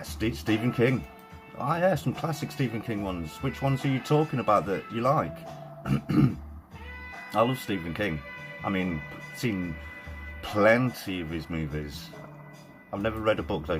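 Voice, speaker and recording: Brief: British man, live-stream host, chatty and excitable, casual swearing, faint music behind. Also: on the low side, a little slow, pauses often.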